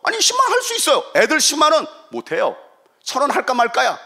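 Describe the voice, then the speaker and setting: Fiery bright-voiced Korean pastor. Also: male voice, wildly swooping pitch, fast talker, gravelly. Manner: swings between loud shouting and low quiet asides, acts out quoted voices. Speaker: guest pastor. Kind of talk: revival sermon.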